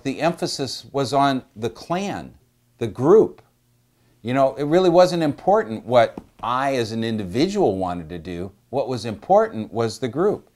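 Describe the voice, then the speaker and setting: A man's voice: medium pitch, a little mellow. A man teaching about the Bible in a loose, conversational way, with frequent "you know" asides and restarted phrases.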